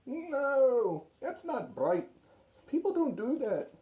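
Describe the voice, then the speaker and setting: A man's voice: extremely high pitch, sing-song, slow, warm tone. A man in an opinionated, argumentative comic monologue, arguing with himself.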